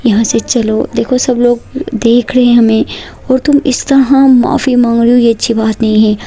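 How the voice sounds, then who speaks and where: A woman voicing a protective young college woman who hushes and reassures her crying friend, in a story reading. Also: a little high, little pitch movement, moderate pace, lightly acted. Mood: urgent. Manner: firm, scolding, reassuring.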